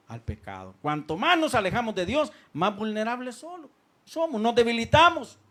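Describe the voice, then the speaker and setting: Man, pastor, sermon in church, handheld mic, loud calls and soft asides. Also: high voice. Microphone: handheld microphone.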